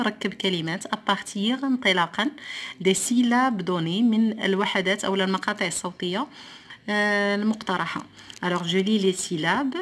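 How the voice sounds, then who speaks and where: Moroccan woman, primary French teacher, deliberate dictation pace with brisk asides. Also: mid-range voice. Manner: slow deliberate dictation of words, switching to quick explanations. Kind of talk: classroom lesson explaining French exercises in Moroccan Arabic.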